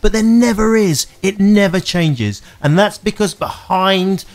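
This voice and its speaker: A man from England hosting a radio interview, chatty and halting, often restarting his words. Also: high-pitched. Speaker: radio show host. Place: radio station.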